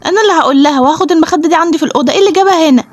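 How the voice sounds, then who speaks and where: A woman voicing a bossy older sister in a toy role-play, bickering quickly with her brother in an Egyptian Arabic accent. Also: very high-pitched, dry recording.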